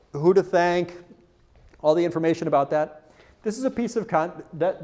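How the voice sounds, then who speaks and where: Here a content marketer gives a conference talk in a high, slightly mellow male voice. His style is relaxed, open and self-effacing, and he directs questions at the audience.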